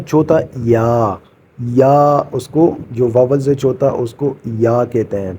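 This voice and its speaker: A man's voice: on the high side, dark tone, slight background noise. A man teaching a casual beginners' language lesson, patiently repeating each sound and encouraging his students.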